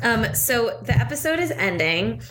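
Woman podcast host, vocal fry, frank casual banter, noisy recording. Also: a little high, big pitch swings, moderate pace.

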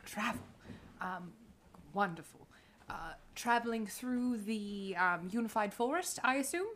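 A woman voicing a polite, formal negotiator who talks in elaborate, halting courtesies. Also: mid-range voice, lively intonation, fairly bright tone. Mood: courteous.

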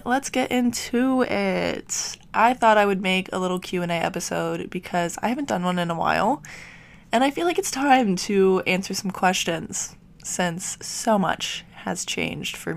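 A young woman with a slightly low, gravelly voice hosts her own podcast, answering listener questions in a chatty, relaxed way. She is a bit sick, so her voice comes out nasal, and her talk is full of ums and soft little laughs. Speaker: podcast host. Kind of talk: casual solo podcast Q&A.

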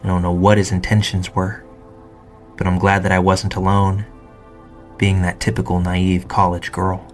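A man reading first-person true stories aloud in calm, measured scripted narration. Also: sits low, faint music behind.

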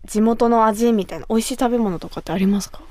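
A woman from Kumamoto hosts a radio talk show. She speaks in a slightly high voice, politely and attentively. The sound is dry and close, as from a studio mic. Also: fast, darkish tone, no echo. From Kumamoto, Japan. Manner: polite, attentive, with frequent short acknowledgments. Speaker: radio host. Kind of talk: casual radio interview.

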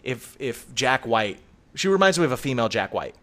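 A man's voice: medium pitch, sing-song, a little fast, fairly bright tone. A middle-aged man chatting casually on a podcast, telling a story in a rambling, profane way. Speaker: podcast co-host. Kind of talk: casual chat.

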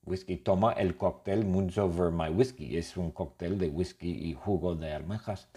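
A man telling an absurd comic story in slow, simple, repetitive sentences. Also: deep voice, dark tone, husky. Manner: playful, absurd, repeats phrases, slow. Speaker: podcast storyteller.

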